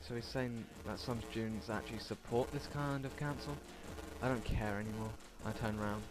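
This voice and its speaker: Game music plays behind a man reading a visual novel aloud at normal speed in a mid-range voice. It's a casual let's play with a rough recording, and he adds asides and stumbles over some words.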